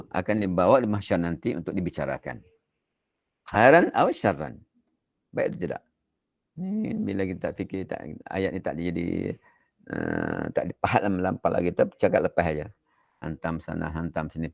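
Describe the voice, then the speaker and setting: A man with a Malaysian Malay accent giving a chatty online dawn religious lecture, chuckling as he goes and repeating verses slowly. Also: sits low, creaky, a little mellow, dry recording, studio quality.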